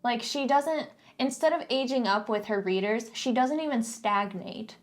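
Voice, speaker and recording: A woman's voice: fairly high pitch, normal speed. A woman co-hosting a casual book discussion, giving opinionated critique with a sarcastic edge. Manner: critical, sarcastic mock-quoting.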